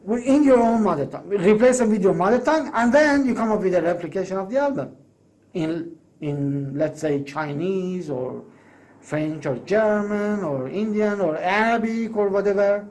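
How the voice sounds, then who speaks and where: With an animated, darkish voice at a moderate pace, a course creator pitches a proposal straight to camera. Persian is his first language, and he comes across as emphatic and persuasive, breaking off to restart and self-correct.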